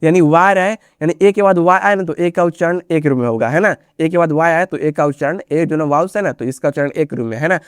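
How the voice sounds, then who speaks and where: Guy teaching phonics, keeps asking what to read, bit high voice, dry close mic. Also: a little fast, hardly any pauses, clear, resonant tone, no room sound. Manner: repetitive, drills words with rhetorical questions; constant filler phrases. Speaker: English reading teacher. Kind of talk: Hindi phonics lesson for beginners.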